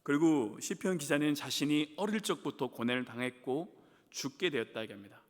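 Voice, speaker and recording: A man's voice: a little high, lively intonation, fairly quick. A man preaching a Wednesday evening sermon as pastor. He puts questions to the congregation and voices the psalmist's laments. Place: church sanctuary. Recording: long hall reverb in a church.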